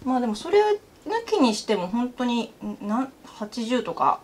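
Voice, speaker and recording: Chatty woman massage therapist, lively pitch. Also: moderate pace. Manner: chatty, laughs often, trails off softly. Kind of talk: casual chat while giving a massage.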